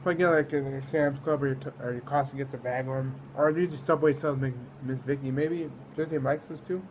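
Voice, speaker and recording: A man's voice: mid-range voice, fairly even intonation, fast, slight background noise, poor audio. A man from the United States giving a casual, rambling food review, often trailing off mid-thought. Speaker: snack reviewer.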